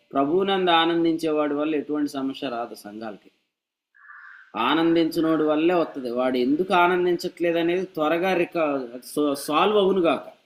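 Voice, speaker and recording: A man preaching a sermon at a church meeting, animated and scolding with humor and rhetorical questions. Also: fairly high pitch, poor audio. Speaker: pastor.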